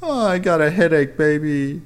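A man voicing a loud, foul-mouthed, hard-drinking male cop in a frenzy. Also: a little high, lively intonation, normal speed, clear, resonant tone, voice pushed up, close to an everyday voice. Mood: frantic.

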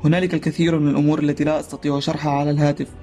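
A man reading a story aloud while voicing a calm stranger who reassures over the phone. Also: on the high side, rapid-fire, faint music behind, close to an everyday voice.

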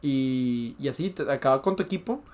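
A young Mexican man chatting casually as a co-host. He rambles, trips over his words and repeats them often, in a voice of middle pitch. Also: fairly quick, darkish tone. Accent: Mexican Spanish. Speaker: podcast co-host. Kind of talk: casual chat.

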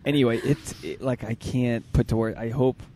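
A man with a smoky, raspy voice hosting a casual interview, rambling and joking at his own expense, recorded outdoors in a park. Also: mid-range voice, moderate pace, mellow. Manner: rambling, self-deprecating, jokey. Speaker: podcast host.

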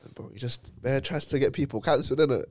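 A man's voice: mid-range voice, fast, no room sound, clean studio sound. A young man, co-hosting a casual podcast chat, telling stories in slang and laughing often. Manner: laughing, slangy, animated storytelling. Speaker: podcast co-host.

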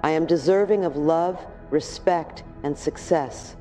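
Gentle woman narrating affirmations. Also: sits low, unhurried, faint music behind. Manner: gentle, affectionate address. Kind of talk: scripted soothing narration.

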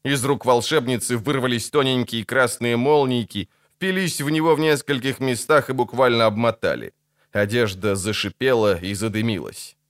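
A man narrating an audiobook in a dramatic, expressive reading style. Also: mid-range voice, moderate pace, dry recording, studio quality.

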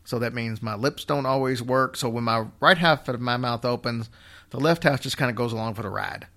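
A man's voice: medium pitch, fairly quick, fairly bright tone. A man hosting a casual storytelling show, wry and joking, with a slight slur and the odd whistle or lip smack from a half-numb mouth. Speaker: podcast host.

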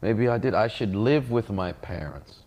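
Male podcast co-host, fairly low voice, chatting casually and conversationally. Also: animated, normal speed, a little mellow, lo-fi sound. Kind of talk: casual chat.

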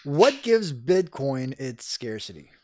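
Male interviewer, mid pitch, slow, unhurried, hesitant questions. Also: big pitch swings, darkish tone, no room sound, studio quality.

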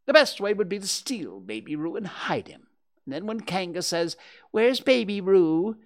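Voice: medium pitch, very animated, voice pushed up. Storybook rabbit, pompous busy schemer, emphatic swoops in a raised voice performed by a narrator. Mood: scheming, superior. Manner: brisk, self-important, deliberate.

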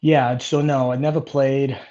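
This Portuguese man, a native speaker and business owner, is a guest in an interview, rambling casually through personal stories. His mid-range voice is warm, flat in delivery, and unhurried, captured on slightly dull, lo-fi audio.

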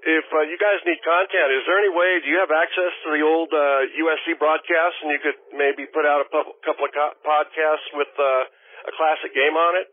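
A man calling in with a rambling, hesitant voicemail, full of uhs, to a sports talk show. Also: on the high side. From Idaho, USA. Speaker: caller leaving a voicemail. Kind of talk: casual voicemail. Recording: tinny phone-line voicemail.

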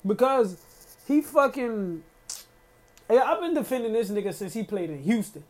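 A man's voice: high voice, lively intonation, normal speed. A man hosting a casual solo podcast, ranting in a heated, profane way with lots of slang and fillers. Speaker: podcast host.

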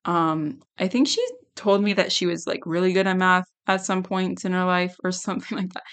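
A young adult woman hosting a casual solo podcast, giggly and rambling, with a slightly hoarse, worn-out voice. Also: fairly low pitch, fairly even intonation, normal speed, fairly bright tone. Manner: giggly, rambling, self-deprecating. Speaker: podcast host.

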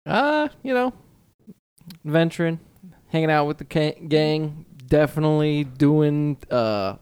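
A man's voice: a little high, lively intonation, slow, a little mellow, clean tone. A man voicing an easygoing male cleric who dodges awkward questions. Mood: evasive. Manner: evasive and laid-back.

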